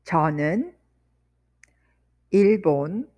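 A woman leads a language lesson at a very slow, deliberate pace. Her fairly low voice rises and falls a lot. She says each phrase slowly and then repeats it quickly. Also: animated, mellow, breathy edge. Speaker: Korean language teacher.

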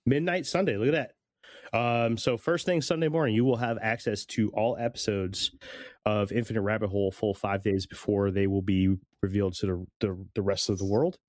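A man with a fairly low voice hosts a podcast in a laid-back, informal way. The sound is dry and close, with very little room on it. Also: fairly even intonation, fairly quick, a little mellow, dry recording. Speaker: podcast host. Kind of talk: casual podcast banter with scripted intro narration.

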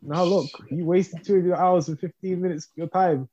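Male podcast co-host, London roadman accent, husky voice, blunt teasing slang, dry and slightly dull recording. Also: sits high, fairly even intonation, a little fast, mellow, no echo. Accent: London, urban street slang.

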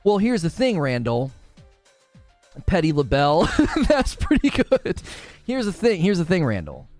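Animated, high-voiced male streamer. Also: unhurried, soft background music. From Northern Ohio, USA. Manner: playful, laughing, teasing chat. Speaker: gaming streamer. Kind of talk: live stream chat banter.

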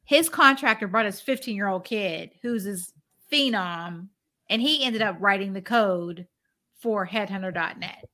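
Woman, forties, bright clear tone, chatty, rambling, casual podcast co-host. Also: medium pitch, measured pace. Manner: chatty, rambling anecdotes with restarts. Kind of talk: casual chat, reading out notes.

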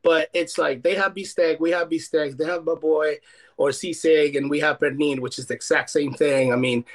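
A man's voice: fairly high pitch, fairly even intonation, moderate pace. Chill young chef guy from ecuador, stoked and easygoing. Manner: laid-back, enthusiastic, many fillers. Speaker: chef guest. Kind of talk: casual interview chat.

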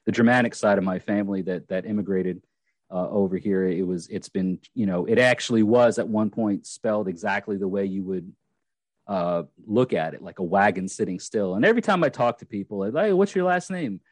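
A man's voice: low-pitched, fairly quick, no room sound. A man hosting a casual podcast, rambling with many fillers and restarts. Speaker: podcast host.

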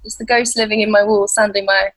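A woman's voice: medium pitch, flat delivery, fast, a bit bright, poor audio. A young woman chatting as a podcast guest, rambling along with many fillers and restarts. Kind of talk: casual interview chat.

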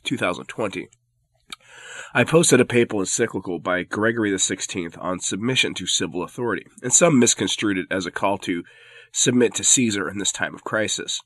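This podcast host's lowish, slightly bright voice is stuffy from a head cold as he offers opinion commentary on his own show. He pushes his arguments firmly, sometimes with sardonic asides, and the recording is dry and studio-quality.

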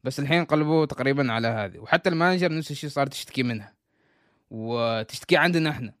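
A man's voice: mid-range voice, rapid-fire, no room sound, studio quality. A man telling a story in a casual, chatty way, restarting sentences and dropping English words in.

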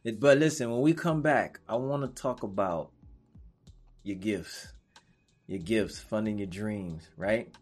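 A man's voice: fairly low pitch, unhurried. A man hosting a podcast, chatting casually with a guest in an upbeat, affirming, slangy way. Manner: hype, affirming, slangy, laughs loudly. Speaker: podcast host. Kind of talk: casual interview chat.

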